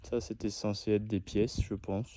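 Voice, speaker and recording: A man's voice: lowish voice, flat delivery, moderate pace. Chatty vlogging man outdoors, noisy audio. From northern France. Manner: chatty, rambling, asks viewers questions. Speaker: travel vlogger. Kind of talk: casual travel vlog chat. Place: outdoors, ruins and seaside.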